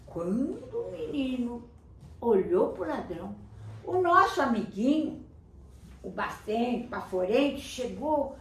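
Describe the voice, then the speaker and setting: An older woman telling a children's story, animated, putting on voices for the characters. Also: a little high, slow pace. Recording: echoey room from a distance, faint ambience.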